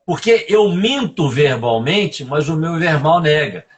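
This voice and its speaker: Speaking a little slowly with a breathy edge, this man's voice sits a little high and sounds animated. Appearing as a live interview guest, he coaches listeners emphatically on leadership and keeps asking "right?"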